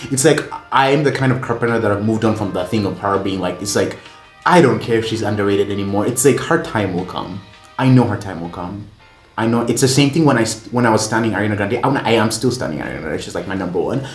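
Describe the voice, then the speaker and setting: Man, music reaction vlogger, gushing and excitable, lively swooping pitch, echoey room, faint music behind. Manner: excitable, gushing, swears freely. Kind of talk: casual album reaction commentary. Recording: roomy echo with faint music playing.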